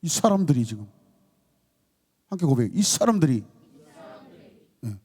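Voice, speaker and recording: A man's voice: on the high side, sing-song, a little slow, darkish tone, slightly rough. A man preaching as a pastor at a Friday night service, calling out questions to the congregation and acting out scolding voices. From South Korea. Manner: calls and responses to the congregation, acts out scolding voices.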